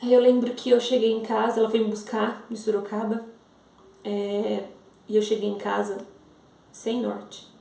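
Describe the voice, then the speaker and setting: A woman's voice: mid-range voice, little pitch movement, moderate pace, gravelly, mellow, echoey room, recorded from a distance. A Brazilian woman in her thirties telling her viewers an emotional personal testimony. She speaks earnestly, repeats phrases and addresses them directly. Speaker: mother sharing a faith testimony.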